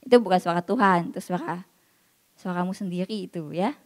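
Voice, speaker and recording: A woman's voice: fairly low pitch, a little fast. Woman preaching in a reverberant hall. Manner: casual, animated, acts out quoted voices. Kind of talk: sermon with storytelling.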